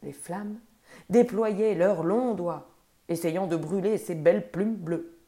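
A woman storyteller reading a children's story aloud in a gentle, expressive way. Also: fairly low pitch, slow pace.

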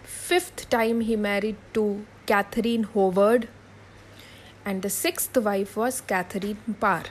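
Woman, history teacher, spells out names, repeats key points, mid-pitched voice, faint background hum. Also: fairly even intonation, takes it slowly, rough recording. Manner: asks and answers her own questions. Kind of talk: history lesson for exam students.

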